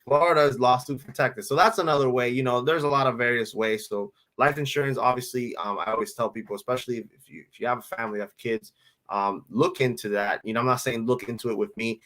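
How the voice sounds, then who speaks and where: A man in his thirties from the Dominican Republic, speaking as a guest financial advisor in a casual interview, in a relaxed way, often repeating words and asking "right?". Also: medium pitch, fast, rough recording. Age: 30s. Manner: relaxed, repeats words while thinking, asks rhetorical "right?".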